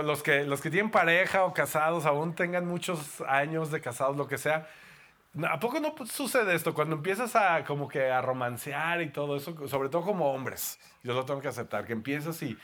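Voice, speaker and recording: A man's voice: on the high side, sharp tone. A man with a Mexican Spanish accent, a pastor giving a playful, conversational sermon to a congregation in a church.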